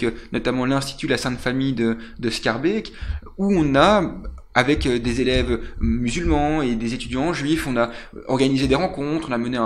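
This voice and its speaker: A young man answering a political interview earnestly, with frequent restarts, at a studio desk microphone. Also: medium pitch. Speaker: political candidate. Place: small TV studio.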